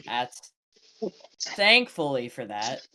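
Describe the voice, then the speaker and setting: A man's voice: medium pitch, very animated, slow pace, crowd noise. A young man co-hosting a casual podcast, bantering and defending himself in a playful way. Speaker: podcast co-host. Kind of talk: casual chat.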